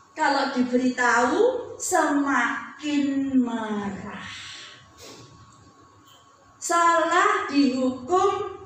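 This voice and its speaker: A woman's voice: high-pitched, slight background noise. A woman preacher reading Bible verses aloud and acting them out with scorn. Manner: dramatic, acts out the verses with scorn. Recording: very echoey room, heard from a distance.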